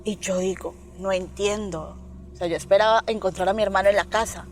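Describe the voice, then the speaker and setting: A woman's voice: mid-range voice, fast, faint music behind. A woman with a Colombian accent, an interview guest recounting a personal experience, acting out the voices in her story and often checking that the listener follows. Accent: Colombian Spanish. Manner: animated storytelling, acting out quoted dialogue, frequent "¿me entiendes?".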